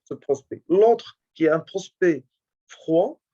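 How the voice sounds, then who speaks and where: A male teacher going over a test in class, speaking haltingly and often checking that his students follow. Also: on the high side, lively intonation, warm tone, lo-fi sound. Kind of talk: classroom lesson correcting a test.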